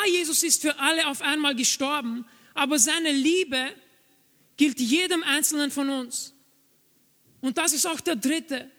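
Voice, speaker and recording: A man's voice: very high voice, bright, forceful tone. A man preaching a sermon to a congregation, emphatic and repeating his key phrases. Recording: long hall reverb, faint music.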